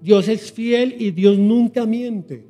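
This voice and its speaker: A middle-aged man preaching a sermon as pastor, swinging from loud exhortation to quiet asides and acting out story voices. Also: high-pitched, slow pace, faint music behind.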